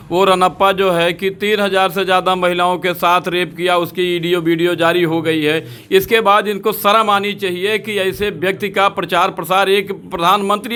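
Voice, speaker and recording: A senior advocate man, answering a street interview with indignant, rapid-fire accusations. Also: sits high, bright, forceful tone, clear, resonant tone. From Uttar Pradesh.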